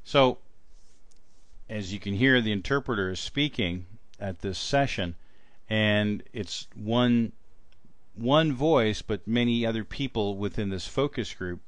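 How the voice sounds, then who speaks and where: A man with a fairly low voice talks through a software tutorial step by step. The sound is close and dry, with keyboard typing. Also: unhurried, dry recording. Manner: explanatory, spells out each step. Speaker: transcription trainer. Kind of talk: instructional screen-recording tutorial with dictation while typing.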